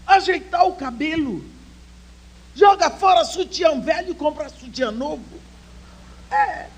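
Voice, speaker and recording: Speaking slowly in a high-pitched, animated voice, an older woman shares a personal story at a church women's conference. She swings between soft near-whispers and emphatic exhortation, telling it with deep feeling.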